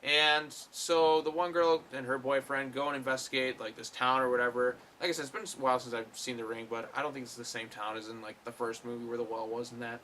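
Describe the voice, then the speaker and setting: A man's voice: medium pitch, fairly even intonation, quick pace, few pauses, pushed and bright, a little hiss or hum. A man giving a casual, rambling film review, full of fillers and blunt swearing. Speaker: movie reviewer.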